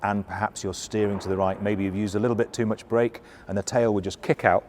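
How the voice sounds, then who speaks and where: A middle-aged or older man giving an informal, hands-on briefing as a flight instructor, explaining in a halting, self-correcting way. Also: lowish voice, level tone, a little mellow, a little hiss or hum.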